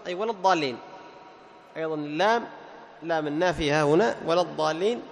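A man teaching Quran recitation rules, asking and answering his own questions and slowly reciting examples. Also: a little high, slight background noise. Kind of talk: tajweed lesson with recited examples. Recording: long hall reverb.

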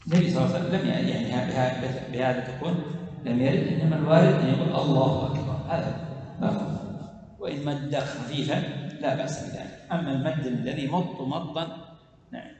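A man's voice: mid-range voice, fast talker, warm tone. A man teaching a religious lesson, explaining a text, repeating phrases and chanting examples aloud. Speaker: teacher of Islamic law. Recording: echoey hall, distant mic, dull sound.

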